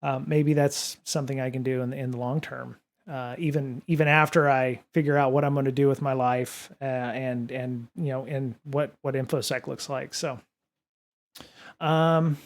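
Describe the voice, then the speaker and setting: Speaking at a moderate pace, this podcast and livestream host has a medium-pitched, steady male voice. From his home studio he runs a relaxed livestream, wandering through viewer comments with frequent fillers and false starts, using a desk-mounted studio mic.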